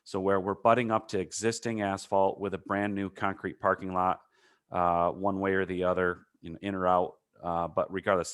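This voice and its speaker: A man with a Minnesota accent answering technical questions in a webinar, halting with many fillers and self-corrections. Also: deep voice, fairly bright tone, dry recording, clean studio sound. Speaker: concrete paving presenter.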